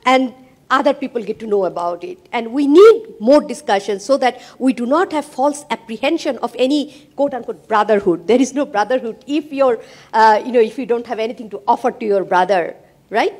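A middle-aged woman, a professor on a roundtable panel, speaks into a handheld mic in a conference hall. Her voice is fairly high, expressive and a little mellow, at a normal speed, and she sounds emphatic while using many fillers.

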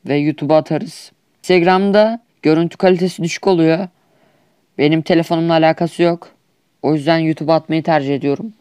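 A man's voice: a little high, steady tone, a little fast, mellow, clean tone, no room sound. Male gamer, Turkish accent, exasperated whining, dry close sound. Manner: whiny, exasperated trash talk. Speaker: gaming YouTuber. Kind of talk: comedic skit over gameplay.

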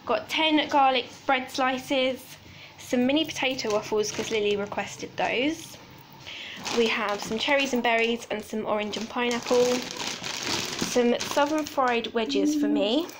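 A woman's voice: fairly high pitch, background noise. Chatty young British woman showing groceries. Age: 20s. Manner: chatty, unhurried, listing items with small asides. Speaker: vlogger. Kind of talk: casual grocery haul chat. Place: home kitchen, indoors.

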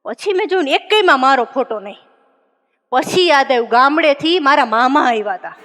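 A woman performing comic stories on stage before a live audience, animated, laughing and acting out other people's lines. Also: high-pitched, a little fast. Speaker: comedian. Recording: long hall reverb.

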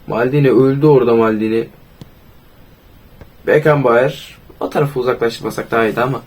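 A hoarse young man with a cold, commenting casually on his own football video game match and calling out player names excitedly. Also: mid-range voice. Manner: excited, shouts player names, sometimes sings. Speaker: gaming YouTuber.

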